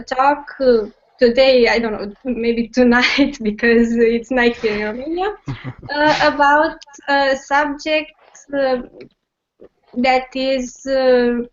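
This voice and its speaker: A young woman speaks slowly and haltingly, her pitch slightly high. She is a medical student presenting over a muffled video call. Her delivery is full of fillers and little nervous laughs. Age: young adult. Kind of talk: conference presentation. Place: home at night. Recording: dull online call audio.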